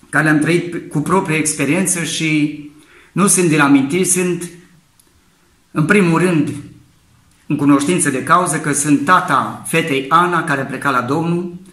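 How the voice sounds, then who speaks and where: Man, testimony, measured and halting, bright voice, roomy echo. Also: fairly high pitch. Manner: measured, deliberate, halting speech. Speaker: bereaved father giving testimony. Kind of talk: testimony in church.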